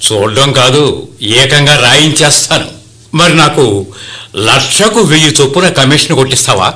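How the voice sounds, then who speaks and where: Bright-voiced wily meddler, radio drama. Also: male voice, a little high, normal speed. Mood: scheming. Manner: chatty, ingratiating. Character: wily, meddling, ingratiating male family acquaintance. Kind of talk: old radio show drama acting.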